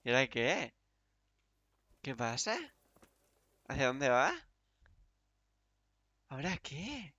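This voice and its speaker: A young man with a Spain Spanish accent giving casual let's-play commentary, swearing, laughing and exclaiming loudly. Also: medium pitch, lively intonation, takes it slowly, pauses often, dry recording, highs cut off. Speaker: gaming youtuber.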